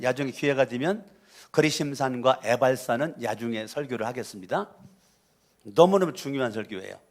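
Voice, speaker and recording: Brief: male pastor from Chungcheong, punchy sermon delivery with call-and-response, voice sits a little high. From Chungcheong, Korea. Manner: emphatic, repetitive, calls for congregation responses. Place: church sanctuary.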